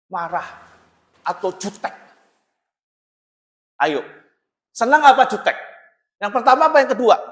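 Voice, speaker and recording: A male pastor preaching a sermon, telling a story with lively emphasis and calling out often to the congregation. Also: sits high. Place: church. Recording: long reverb of a large church hall.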